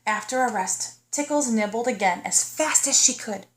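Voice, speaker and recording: In this storybook read-aloud, a teacher speaks to kindergartners in a slightly high voice over a noisy background. Her delivery is aimed at young children, and she stops now and then to ask them questions.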